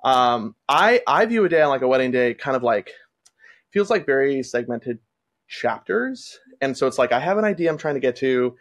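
A man's voice: medium pitch, big pitch swings, normal speed. A man who works as a wedding photographer, chatting casually and rambling with lots of fillers as he hosts a conversation.

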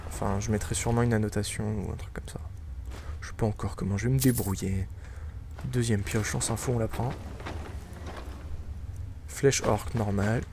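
Guy playing a game and muttering dry little jokes, kinda gravelly voice, noisy recording. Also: on the low side, steady tone, moderate pace, pauses often. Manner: wry, muttering asides to himself. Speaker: let's play gamer. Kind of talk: casual gameplay commentary.

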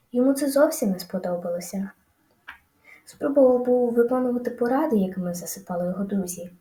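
A woman reading a children's story aloud in a lively, expressive way. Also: mid-range voice, reverberant, a little hiss or hum, rough recording. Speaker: audiobook reader. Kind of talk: storybook narration.

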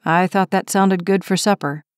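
A woman's voice: fairly low pitch, fairly even intonation, moderate pace, clear, resonant tone, no room sound, studio quality, lightly acted. A woman reading the part of an injured young firefighter who talks in a timid, matter-of-fact way. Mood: plain. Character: injured young firefighter man, frustrated but gentle. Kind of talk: audiobook character reading.

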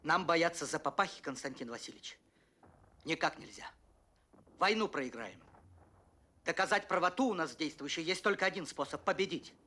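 A middle-aged Soviet-era front commander in a war film, firm and fatherly. His voice is fairly high and carries with forceful edge. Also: normal speed, long pauses. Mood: frank, resolute.

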